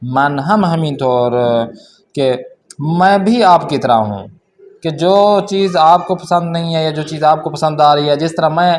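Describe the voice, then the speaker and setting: Male language teacher with a slightly high voice, explaining a workbook, reading examples slowly, faint background hiss. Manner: switches between explaining and slow, careful reading of example sentences.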